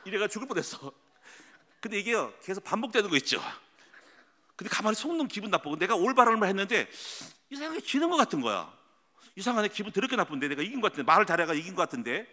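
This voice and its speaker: Lively pastor preaching in a reverberant hall. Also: male voice, high-pitched, fast. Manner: lively storytelling, acts out quoted voices. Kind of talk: sermon. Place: church sanctuary.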